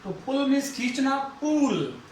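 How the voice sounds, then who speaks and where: A male teacher from India giving a phonetics lesson, slowly repeating and drawing out example words. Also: extremely high pitch, a bit bright. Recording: very echoey room, faint noise.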